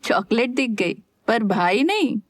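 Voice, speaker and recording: Female narrator voicing a young woman, teasing then curt, slightly raised pitch, dry close mic. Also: very animated, measured pace, no room sound. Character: young woman, playful teasing sister turned cold wife.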